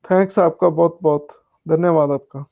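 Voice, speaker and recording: A man's voice: on the high side, fairly even intonation, moderate pace, creaky, highs cut off. A male teacher, giving a casual online lecture and answering student chat, often saying "okay" and "yes". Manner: casual, repeats "ठीक है" and "हाँ जी" often.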